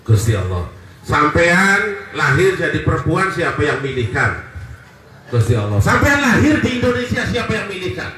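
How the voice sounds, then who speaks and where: A high-voiced man with a Javanese accent delivers a lively sermon, shifting from soft, low asides to loud, emphatic calls. He sounds far from the mic, and a strong echo rings around him in a large hall. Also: moderate pace, slight background noise. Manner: lively, joking, shifts between loud and quiet. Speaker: preacher. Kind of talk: religious sermon to a crowd. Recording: echoey from far off.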